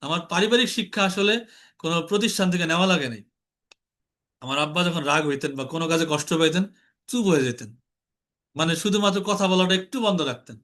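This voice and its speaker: A young man leads an online lesson with a high, ringing voice. He talks earnestly, circles back over his points and calls on students to answer. His tone is bright and forward. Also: expressive, fast, long pauses. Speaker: online class instructor. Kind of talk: informal teaching lecture. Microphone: online class call.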